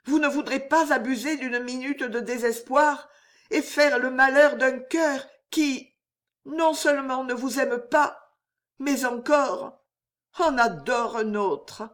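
A woman's voice: high-pitched, animated, unhurried, few pauses, voice pushed up. A woman voicing a desperate, proud young noblewoman in a storybook reading, pleading and indignant. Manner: pleading, then fiercely indignant. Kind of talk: audiobook character reading.

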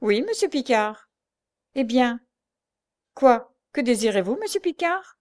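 A woman's voice: on the high side, big pitch swings, a little mellow, pitched above the performer's own voice. A woman reading aloud and voicing a sly male police agent who teases and drags things out. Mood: teasing. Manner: teasing, unhurried, mocking.

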